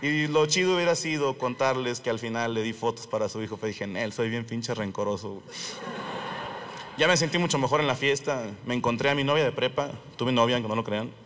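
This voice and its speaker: A Mexican-accented man performs stand-up, his medium-pitched voice moving fairly quickly. He spins profane, animated stories and imitates the voices of everyone he quotes.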